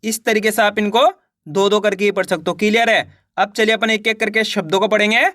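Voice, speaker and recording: A man's voice: high-pitched, fairly even intonation, a little fast, fairly bright tone, no room sound, studio quality. A male teacher running a reading lesson, sounding out syllables one at a time, then saying each whole word and asking listeners to repeat after him.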